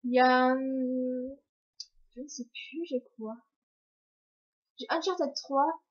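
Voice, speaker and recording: The dull, lo-fi sound suggests a cheap webcam mic as a young woman answers viewer questions in a relaxed vlog, rambling to the camera. Her slightly high voice has a darkish tone and a breathy edge. She fumbles words and giggles at her own blunders.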